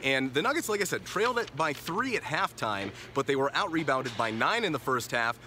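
A man in his thirties, a sports reporter, giving a measured, stat-heavy postgame basketball recap courtside in an empty arena. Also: mid-range voice, sing-song, pushed and bright, slight background noise.

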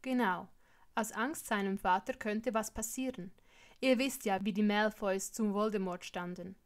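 A woman reading a story aloud, giving a calm, reasonable man's lines in her own voice. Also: mid-range voice, measured pace, natural voice. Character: grown man, calm and reasonable.

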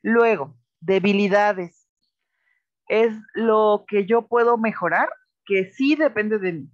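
A woman's voice: mid-range voice, slow pace, no room sound. Mexican woman teacher on a dull video call. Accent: Mexican Spanish. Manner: patient and explanatory, checks in with students. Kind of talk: online class feedback lecture.

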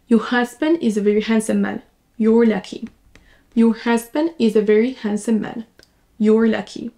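A woman teaching English, saying example sentences slowly and carefully. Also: medium pitch, creaky, dark tone. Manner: slow, careful model sentences. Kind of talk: language lesson.

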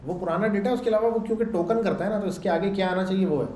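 A man, lecturing a class loudly in a conversational way and often checking in with the students. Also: sits high, rapid-fire, crowd noise. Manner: loud, conversational teaching with frequent check-ins to the class. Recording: echoey room with faint background noise.

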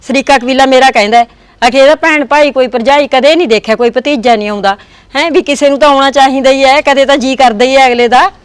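A woman's voice: high-pitched, quick pace, smooth, no room sound, close to an everyday voice. A woman playing a devoted, emotional married daughter who talks at length with her old mother in a family drama. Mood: affectionate. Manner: pleading, talkative.

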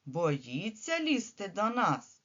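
A bold little storybook boy who boasts and calls out, as a woman reads him aloud. His voice is husky and swings lively in pitch. The sound is muffled and lo-fi. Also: slow, full character voice. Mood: boastful.

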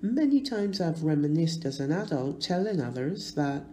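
A woman in her sixties from Barbados, reading a funeral tribute in a slow, measured, fond way in a church. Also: low voice, animated, mellow, slight background noise. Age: 60s. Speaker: eulogist.

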